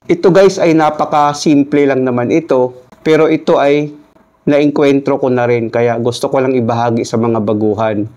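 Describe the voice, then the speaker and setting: A man's voice: medium pitch, darkish tone. A middle-aged Filipino man with missing front teeth gives a casual instructional explanation, often checking in with listeners. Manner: frequent "no?" check-ins, addressing viewers informally. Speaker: electrical technician giving a tutorial. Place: small indoor room at a table.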